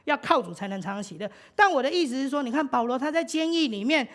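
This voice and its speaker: A woman's voice: high voice, expressive, fast talker. Chatty Taiwanese woman preaching. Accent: Taiwanese Mandarin. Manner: chatty, laughs often, many fillers. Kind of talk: sermon. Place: church.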